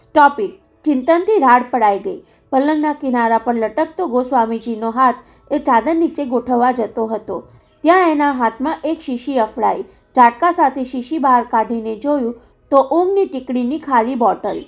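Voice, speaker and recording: A woman reading a novel aloud as an audiobook narrator, in a steady, measured storytelling manner. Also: high voice, creaky, faint music behind. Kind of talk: scripted narration.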